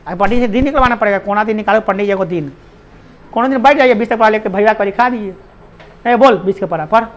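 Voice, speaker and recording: Quick and fairly bright, a high male voice with a Bihari Hindi accent leads a maths class. The teacher keeps things chatty and teasing with his students, joking between the steps.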